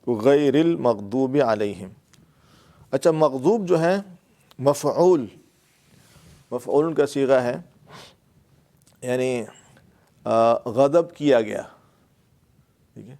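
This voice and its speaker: A man's voice: mid-range voice, long pauses, dark tone. Patient Urdu-speaking male grammar teacher. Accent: Pakistani Urdu. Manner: explains patiently, repeats words and fillers. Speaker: Quran and Arabic grammar teacher. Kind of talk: classroom lecture.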